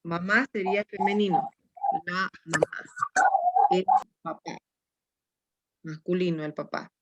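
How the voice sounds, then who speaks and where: A woman's voice: on the low side, unhurried, muffled recording. A woman teacher leading a grammar lesson, coaxing her students along patiently and checking in with them often.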